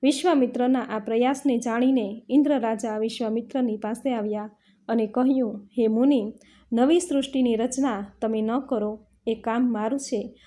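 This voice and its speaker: Woman narrating a devotional scripture, mellow voice. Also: fairly high pitch, fairly even intonation, normal speed. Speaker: storyteller reading a scripture.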